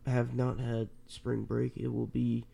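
Congested man, gravelly, dark voice, casual podcast co-host. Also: medium pitch, monotone, slow pace. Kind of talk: casual chat.

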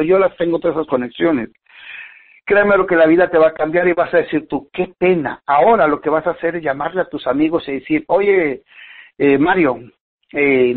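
Male motivational radio speaker, earnest, repetitive, higher voice, phone-line sound. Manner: earnest, repeats phrases for emphasis, speaks directly to the listener.

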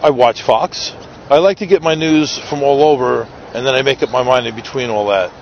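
At medium pitch and a brisk pace, a New York-accented street video creator rambles with fillers while chatting casually with strangers and recapping on video. He's outdoors in a city park, heard through a dull lo-fi street recording with slight background noise.

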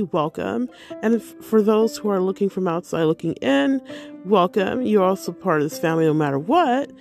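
A woman's voice: medium pitch, gravelly, darkish tone. Bubbly, effusive woman podcast host. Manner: bubbly and effusive, many fillers. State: tired, yawning. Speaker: podcast host and life coach. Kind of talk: casual podcast monologue.

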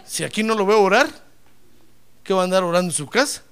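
A man preaching a lively sermon as pastor, acting out little dialogues and swinging from loud to soft. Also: high-pitched, quick pace, clear, resonant tone.

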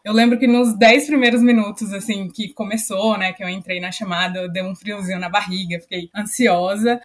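A young woman with a Brazilian Portuguese accent, a trainee chatting about her own experience in an interview. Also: mid-range voice. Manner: chatty, recounting personal experience. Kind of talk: casual interview answers.

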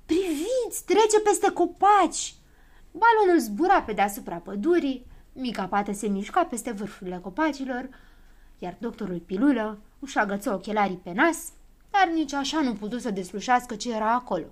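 A woman narrating a children's storybook in an expressive, lively way. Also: on the high side.

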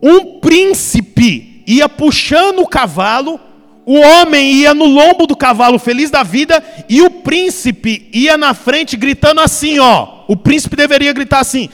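A man's voice: very high-pitched, lively intonation, measured pace. A man preaching a sermon, retelling a story animatedly and acting out the characters. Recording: long reverb, soft music behind.

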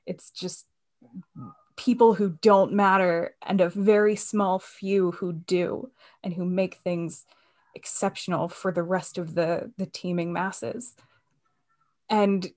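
A woman's voice: medium pitch, darkish tone. A woman in casual conversation about a film, chatty and loose, with many fillers and restarts.

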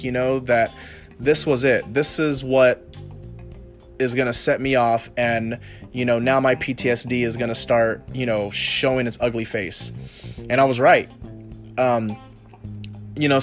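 A man, a military veteran, telling a personal story in a casual way, with lots of "you know" and swearing. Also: medium pitch. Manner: casual, heavy use of "you know" and profanity.

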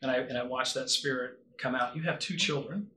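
Male interview host, affirming, bright timbre, roomy echo. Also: mid-range voice, fairly quick. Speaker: podcast host. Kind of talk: interview conversation. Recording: roomy echo with faint noise.

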